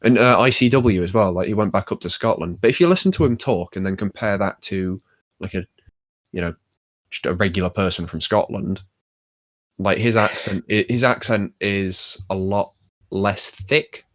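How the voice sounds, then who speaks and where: A man from the UK, co-hosting a podcast, chats casually at normal speed in a fairly low-pitched voice. He rambles with lots of fillers and restarts, and the recording is dry.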